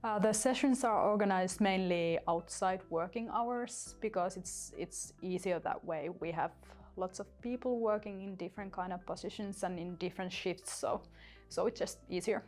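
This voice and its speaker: A woman's voice: medium pitch, normal speed. Hr woman, mid voice, lots of you know and restarts, faint music. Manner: hesitant, with fillers and restarts. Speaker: HR staff. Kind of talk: corporate interview. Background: soft music.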